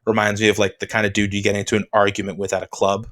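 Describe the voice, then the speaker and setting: A man's voice: fairly low pitch, rapid-fire, poor audio. Opinionated man on a casual sports podcast. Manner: opinionated, animated, says "dude". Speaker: podcast co-host.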